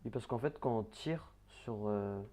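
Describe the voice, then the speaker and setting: A man giving casual gameplay commentary, chatting, swearing and muttering quick orders at the characters on screen. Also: lowish voice, mellow, a little hiss or hum. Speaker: let's play gamer.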